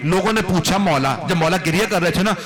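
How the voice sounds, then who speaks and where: A man from Pakistan, a cleric with a Pakistani Urdu accent, delivering a mourning sermon in a chanting, wailing style that rises to high cries. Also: a little fast, poor audio. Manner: wailing, rising to high-pitched cries when quoting mourners; sung, chanting delivery of lament. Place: large mosque hall at a mourning gathering.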